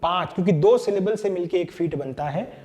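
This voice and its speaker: A man's voice: sits high, brisk, darkish tone. A man teaching a lesson on poetry, patiently counting out syllables and stresses one by one. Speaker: literature teacher.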